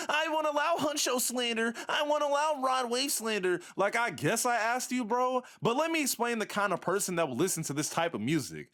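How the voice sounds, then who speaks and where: Animated young man ranting sarcastically. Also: mid-range voice. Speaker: music commentator. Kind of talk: ranting commentary video.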